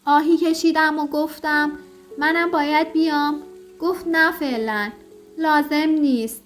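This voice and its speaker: A woman narrating a true story in the first person, as in an audiobook, in a steady storytelling manner. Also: high-pitched.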